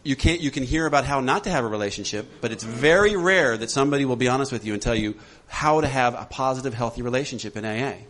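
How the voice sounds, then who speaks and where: A man leading a recovery workshop for a group, animated and laughing often as he acts out voices. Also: mid-range voice, fast, few pauses. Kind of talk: talk to a group.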